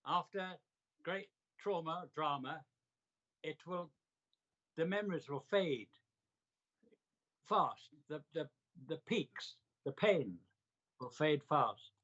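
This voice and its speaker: An older man with a bright, forceful voice pitched a little high recounts personal memories in an interview. He speaks in measured, deliberate phrases with clear emphasis. The recording is slightly dull and lo-fi. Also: lively intonation. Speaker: interviewee recounting a hospital stay. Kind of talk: reflective personal storytelling in an interview.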